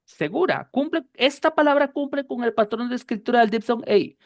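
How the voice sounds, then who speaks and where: A woman teaching a class, explaining slowly and patiently, often repeating herself and checking that her students follow. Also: a little high, animated, no echo, studio quality. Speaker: English teacher.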